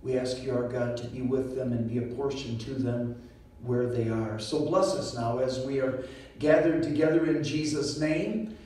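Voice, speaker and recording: A man's voice: mid-range voice, steady tone, normal speed, warm tone. Solemn man praying in an echoey church. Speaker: pastor leading prayer. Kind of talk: church prayer. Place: church sanctuary. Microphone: podium microphone, filmed from far back. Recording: echoey church room from far off.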